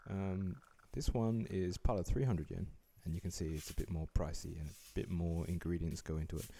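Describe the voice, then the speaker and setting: A young man giving relaxed, dryly joking voice-over commentary as he rates food. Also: sits low, fairly quick, creaky, slight background noise. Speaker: vlogger rating food.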